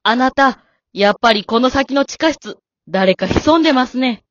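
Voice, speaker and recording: A woman's voice: high voice, animated, moderate pace, no echo. A woman voicing a stern, composed elderly wife in an amateur radio drama, polite and cool with a scolding edge. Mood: calm. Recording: dull dry lo-fi recording.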